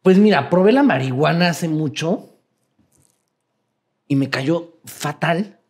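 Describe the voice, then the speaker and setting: A man with a Mexican accent, telling profane, animated stories as a guest in a casual interview. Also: on the high side, slow, slightly rough. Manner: profane, animated, laughing while telling anecdotes.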